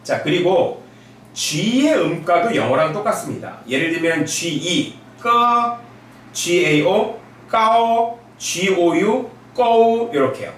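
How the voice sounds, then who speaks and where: A middle-aged male professor giving a recorded lecture. He is relaxed and chatty, adds asides, and demonstrates sounds by sliding his voice up and down. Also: measured pace, a little hiss or hum. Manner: demonstrates sounds with sung pitch glides. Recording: echoey room from a distance.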